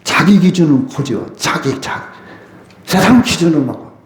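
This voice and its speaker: A man's voice: on the high side, lively intonation, normal speed, roomy sound. A man preaching a sermon as pastor, emphatic and asking the congregation questions. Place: church sanctuary.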